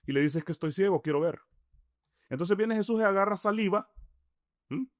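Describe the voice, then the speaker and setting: Salvadoran man, high-ish voice, dry close sound, imam guest explaining step by step with rhetorical questions. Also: fairly quick, dry recording. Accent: Salvadoran Spanish. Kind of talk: conversational explanation.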